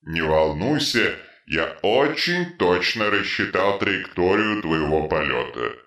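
A man voicing a huge troll who has suddenly become clever, speaking in slow, measured, pedantic phrases. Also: deep voice, very animated, pushed and bright, echoey room, exaggerated voice. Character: huge male troll, suddenly brainy and precise.

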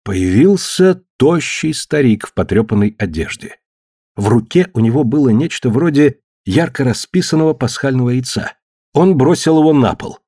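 A man reads a story aloud in a steady, measured narration. His voice sits at a middle pitch. The recording is dry and close, with no room sound. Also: breathy edge, dry recording. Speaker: audiobook narrator. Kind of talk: scripted narration.

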